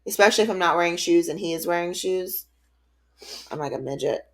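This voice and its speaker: Co-hosting a podcast, a woman in her late thirties keeps the casual conversation upbeat and laughs often. She talks briskly in a voice on the low side.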